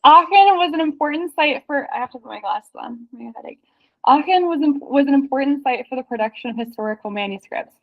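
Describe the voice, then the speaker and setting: An excitable woman reads history passages aloud in quick bursts during a casual research chat. Her voice sits a little high. The sound is dull and lo-fi, as if through a basic mic. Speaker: research partner reading sources aloud.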